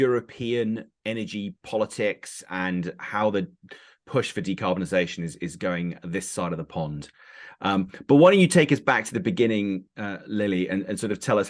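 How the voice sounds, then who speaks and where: A man with an English accent, hosting a podcast interview in a chatty, enthusiastic way with plenty of fillers. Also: on the low side. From Britain. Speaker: podcast host. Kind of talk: casual interview chat.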